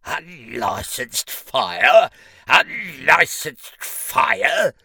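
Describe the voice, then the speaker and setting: A man's voice: mid-range voice, sing-song, very slow, creaky, sharp tone, pitched above the performer's own voice, full character voice. A man voicing an exasperated male demon, protesting in disbelief.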